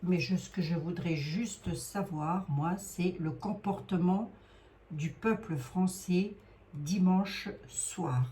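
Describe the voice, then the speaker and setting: A woman's voice: fairly low pitch, slow, dark tone. Rambling woman with a Lorraine accent. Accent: Lorraine French. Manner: rambling, hesitant, full of fillers like hein. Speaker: psychic card reader. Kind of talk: live card reading.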